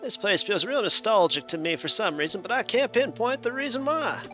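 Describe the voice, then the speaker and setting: A man's voice: sits high, animated, brisk, sharp tone, faint music behind, voice pushed up. A man voicing a wistful old man who muses on a café that feels nostalgic to him.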